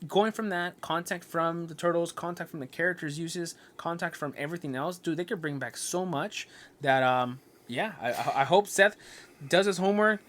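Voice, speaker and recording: A man's voice: a little high, moderate pace, fairly bright tone. A man co-hosting a podcast, rambling casually with lots of "um" and sentences he starts over. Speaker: podcast co-host. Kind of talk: casual chat.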